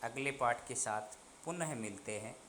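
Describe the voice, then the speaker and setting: Man, teacher, slow deliberate lesson, bright voice, asks and answers himself. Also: medium pitch, slight background noise. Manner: slow, deliberate drilling of words, questions then answers. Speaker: Sanskrit teacher. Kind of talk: online class lesson.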